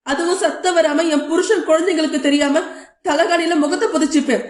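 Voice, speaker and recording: Woman voicing a hurt daughter grilling her dad, high voice, roomy echo, audio novel. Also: steady tone, a little fast. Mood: reproachful. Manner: reproachful, pleading questions. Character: hurt married daughter confronting her father.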